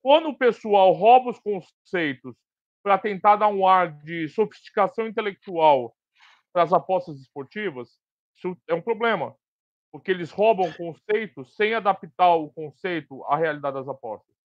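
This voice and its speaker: High-pitched Brazilian man with a slight lisp. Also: animated, moderate pace, no room sound, muffled recording. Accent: Brazilian Portuguese. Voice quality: slight tongue-tied lisp. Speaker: host of a live sports betting talk stream. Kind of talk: unscripted live commentary and discussion.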